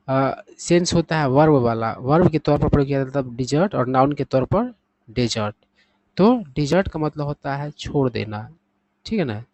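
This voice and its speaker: A man teaching English vocabulary in Hindi, explaining each word step by step and reading the example sentences slowly. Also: medium pitch, dry recording, low-quality recording. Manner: steady explaining, often adding "thik hai na?".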